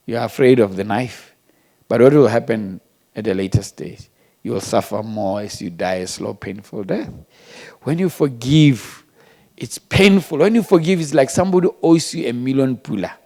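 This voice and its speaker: A male pastor delivers a sermon, his voice carrying a gravelly edge. He pushes key words loudly, then drops to hushed, almost whispered asides. His pitch sits in an ordinary middle range for a man. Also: expressive, moderate pace. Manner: emphatic, swings between loud stresses and hushed asides.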